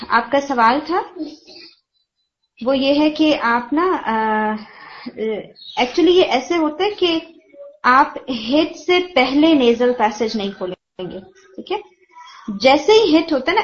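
A woman teacher giving patient, detailed feedback on Quran recitation, explaining pronunciation step by step. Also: sits high. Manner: patient, explanatory, mixes English terms. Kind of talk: tajweed feedback lesson. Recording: dull lo-fi audio with faint hiss.

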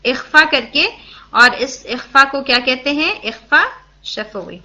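A woman gives a patient tajweed lesson, her voice high and very bright. She asks and answers her own questions and checks that listeners follow. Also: lo-fi sound. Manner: patient, explanatory, mixes English words into Urdu. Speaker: Quran recitation teacher. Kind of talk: tajweed lesson, explaining and demonstrating.

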